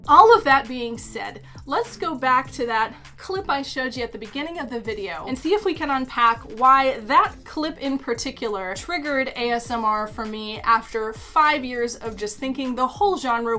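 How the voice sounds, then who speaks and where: A young woman talks through a topic in a relaxed explainer style, her voice pitched slightly high. She is chatty and self-deprecating and leans on "like" as she goes. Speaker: YouTube creator. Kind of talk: casual explainer talk.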